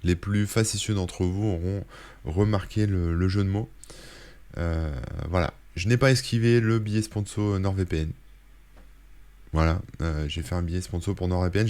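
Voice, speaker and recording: Low-voiced French man, tech blogger and streamer, chatty and meandering delivery. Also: darkish tone. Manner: rambling, many fillers and self-corrections. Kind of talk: casual screen-share link roundup.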